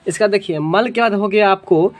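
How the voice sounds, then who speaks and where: A man's voice: sits high, normal speed. Male coaching teacher drilling students. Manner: keeps checking if students follow; drills students by call and response. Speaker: general knowledge teacher. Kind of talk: exam coaching class with memory tricks.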